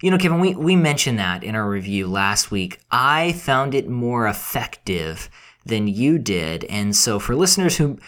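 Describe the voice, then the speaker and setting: A man co-hosting a film review podcast, chatting conversationally with some quick bursts. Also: mid-range voice, very animated, fairly bright tone. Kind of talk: casual podcast chat.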